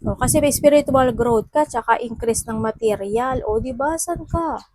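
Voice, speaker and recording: A woman's voice: a little high, normal speed, noisy background. A woman giving a casual tarot reading, chatty and full of asides and fillers. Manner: chatty, mixing Tagalog and English, with frequent fillers and asides. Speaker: tarot reader.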